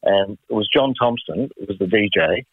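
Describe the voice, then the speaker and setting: A man's voice: on the low side, lively intonation, normal speed, husky, no echo. A man in his sixties with an Australian accent, casually reminiscing as a musician guest on a phone call. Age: 60s. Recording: narrow phone line.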